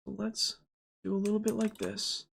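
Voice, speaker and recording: A man's voice: sits high, completely flat delivery, normal speed, gravelly, a bit bright, a little hiss or hum. A young man streaming game development, chatting casually, thinking aloud and answering his chat as he models.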